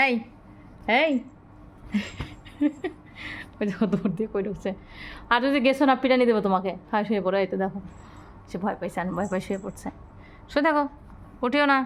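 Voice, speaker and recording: A woman filming her pets at home at night, coaxing and scolding them in a lively, affectionate way. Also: fairly high pitch, slight background noise. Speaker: pet vlogger. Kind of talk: casual vlog narration.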